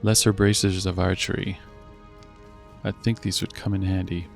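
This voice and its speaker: A man with a very low voice and a rough, gravelly fry narrates his video game session in casual commentary. He reads menus and dialogue aloud and thinks through each choice as he goes. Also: level tone, normal speed, faint music behind. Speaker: let's play host.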